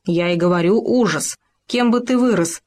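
A woman's voice: medium pitch, normal speed, a little mellow, natural voice. A woman voicing a bossy, meddling male hamster who lectures and scolds in a storybook tale. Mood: indignant. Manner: preachy, scolding.

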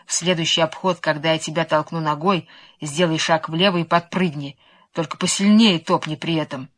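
A woman voicing a brave young onion boy, speaking urgently and in a hushed voice. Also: low-pitched, steady tone, normal speed.

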